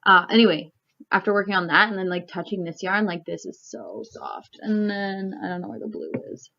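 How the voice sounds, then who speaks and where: A young Canadian woman vlogs about knitting in a fairly low, gravelly, sharp voice, talking fairly quickly with lively intonation. Her casual chat rambles and is peppered with "like" and "um." It was recorded at home and sounds slightly dull.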